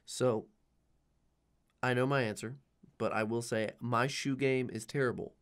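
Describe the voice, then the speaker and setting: A young man, a podcast co-host, talking in a casual, jokey chat that swings between loud and quiet. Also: mid-range voice, steady tone, measured pace.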